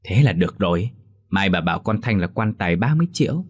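A man's voice: low-pitched, expressive, quick pace, slightly rough. A man voicing a stingy, bad-tempered middle-aged village man who grumbles and scolds. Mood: scheming.

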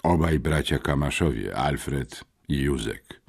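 An older man with a husky voice narrating an audiobook in an animated storytelling manner. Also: takes it slowly. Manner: animated storytelling, lively shifts in pitch. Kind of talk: scripted narration.

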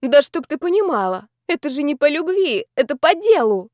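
Woman voicing a drunk tearful young woman, high-pitched, wailing, melodramatic, audiobook. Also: big pitch swings, measured pace, a little mellow, no echo, studio quality, heavily acted. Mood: indignant. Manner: wailing, melodramatic sobbing delivery. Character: tipsy tearful young woman, dramatic and lovesick.

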